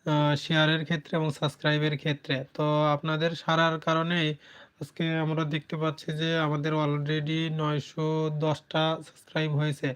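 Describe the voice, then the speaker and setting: A man teaching Quran reading on a live stream, patient, repeating examples slowly with many filler sounds. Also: a little high, completely flat delivery, fairly bright tone, clean tone.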